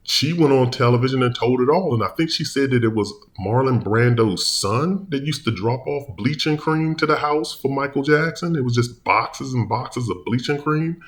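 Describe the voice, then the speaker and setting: A man's voice: mid-range voice, expressive, moderate pace, hardly any pauses. A man hosting his own video channel, giving casual commentary in a rambling, emphatic way with many restarts. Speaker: vlog host.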